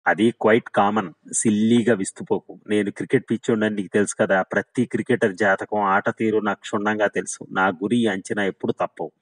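A man's voice: on the low side, fairly even intonation, brisk, natural voice, poor audio. A man voicing a boastful, flippant young man who talks with swagger. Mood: bragging. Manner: swaggering, teasing.

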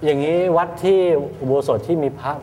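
A man co-hosts with quick, inquisitive questions, often restating what he has heard to check it. His voice carries a long reverb from the temple hall. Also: a little high, dark tone, a little hiss or hum. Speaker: co-host. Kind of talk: casual interview questions.

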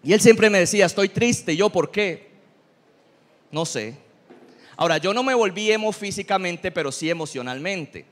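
A middle-aged man preaching a sermon as pastor, humorous and animated, asking the congregation questions. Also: high voice, moderate pace, long pauses.

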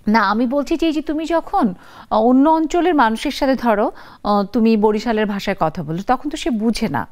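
Bright-voiced woman hosting a talk show. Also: on the high side, expressive, fairly quick. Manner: warm, inviting, addresses viewers and callers. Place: TV studio.

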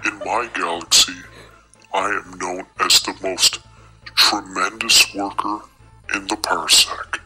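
A man voicing a boastful, pompous male alien looking for work, through a robotic, heavily bass-boosted voice effect. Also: level tone, slow pace, bright, forceful tone, husky, faint music behind, heavily acted, rough recording. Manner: grandiose, self-important boasting.

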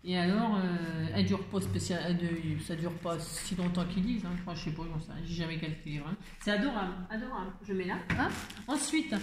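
A woman's voice: on the low side, brisk, echoey room, background noise. A woman vlogger chatting casually and exclaiming as she unboxes crafts, talking to her viewers and to herself.

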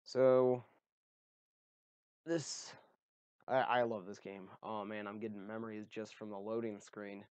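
A man's voice: fairly low pitch, level tone, a little slow, long pauses, a little mellow, clear, resonant tone, no echo. Chatty man narrating his gameplay. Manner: rambling, chatty with frequent ums. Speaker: let's play host. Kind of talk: casual gameplay commentary. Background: faint game music.

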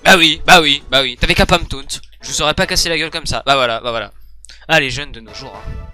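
A man's voice: a little high, fast talker, pushed and bright, soft background music. A young man giving casual let's-play commentary, joking and trash-talking the game with crude humor. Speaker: gaming YouTuber.

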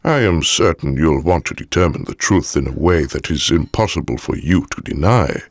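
A man playing an evil elderly aristocratic count, measured, formal and silkily menacing, in a fan audio drama. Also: a bass voice, lively intonation, no room sound, full character voice. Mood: smug, commanding. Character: evil elderly aristocratic Sith count, calmly manipulative villain.

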